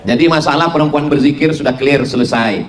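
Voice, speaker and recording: A middle-aged man giving a humorous sermon to a congregation, animated and full of mimicry. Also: fairly quick. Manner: animated, mimics voices for jokes, shifts between high and low pitch. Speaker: Islamic preacher.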